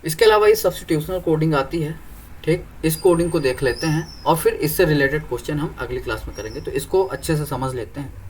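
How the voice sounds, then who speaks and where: A man's voice: on the high side, expressive, a little fast. A young man teaching an exam-prep reasoning lesson, explaining step by step and often asking whether students follow. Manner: explains step by step, keeps checking "clear?".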